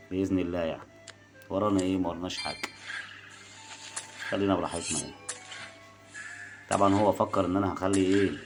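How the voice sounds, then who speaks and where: A man with an Egyptian Arabic accent giving casual gameplay commentary, chatty and coaxing, teasing his opponent, with bursts of excitement. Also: low voice. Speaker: gaming video host. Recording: game music behind the voice.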